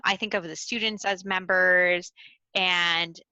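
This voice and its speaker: Slow, deliberate woman mentor; dry, muffled recording. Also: fairly low pitch, fairly even intonation, sharp tone, smooth, no room sound. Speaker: mentor and volunteer. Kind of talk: reporting back at a meeting.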